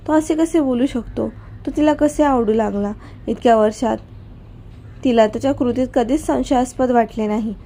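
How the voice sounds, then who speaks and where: Woman narrating a story, mellow. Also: a little high.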